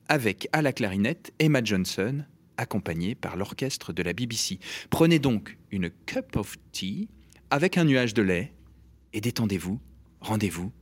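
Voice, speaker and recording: Playful male radio host. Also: on the low side. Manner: playful, brief interjections and recaps. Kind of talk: radio hosting.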